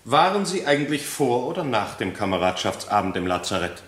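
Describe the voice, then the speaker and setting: An actor playing a skeptical defense lawyer who questions a witness coolly in a 1960s radio drama. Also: male voice, medium pitch, big pitch swings, brisk, fairly bright tone. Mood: probing. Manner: cool, probing. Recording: roomy vintage radio play studio.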